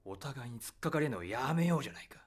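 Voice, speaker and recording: A man performs as a stubborn, crafty old spaceship engineer in an audio drama, arguing theatrically in a wily, wheedling manner. His medium-pitched voice is expressive and lightly acted, and he talks fast.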